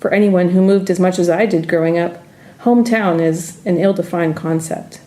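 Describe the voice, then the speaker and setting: Woman, reflective personal essay reading, calm, mellow warm tone. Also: fairly low pitch, normal speed. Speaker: writer reading her story.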